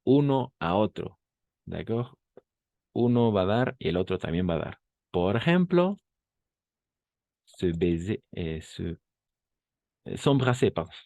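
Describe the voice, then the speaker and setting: A man's voice: lowish voice, big pitch swings, measured pace, creaky, long pauses, dark tone, no room sound. A male French teacher giving a bilingual lesson, patiently repeating each phrase and often checking that the class understands.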